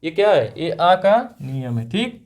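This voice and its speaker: High-voiced male teacher drilling grammar rules. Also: animated, a little slow, darkish tone. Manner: checks understanding constantly, tag questions like "right?"; repetitive, drilling rules step by step. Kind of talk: classroom lecture with call-and-response.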